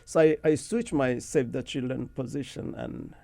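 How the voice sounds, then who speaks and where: A middle-aged man from Bangladesh with a Bangladeshi accent, a guest in a radio studio interview, telling rambling, relaxed stories and often laughing. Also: mid-range voice, moderate pace, creaky. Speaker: guest academic. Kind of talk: casual interview talk.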